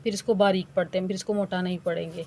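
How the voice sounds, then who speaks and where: A woman Quran reading teacher with a Pakistani Urdu accent, giving a patient lesson that drills letters and vowel marks syllable by syllable in a measured chant. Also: lowish voice, fairly even intonation, vocal fry, darkish tone, slight background noise. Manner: patient, explains rules briefly then drills each letter in a measured chant. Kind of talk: slow syllable-by-syllable recitation lesson.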